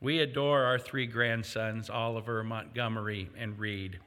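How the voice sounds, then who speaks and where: An older pastor preaches to his congregation in a lowish, steady, slightly slow voice that is bright and forceful. He's a folksy storyteller, full of jokes and stories, and the hall is reverberant.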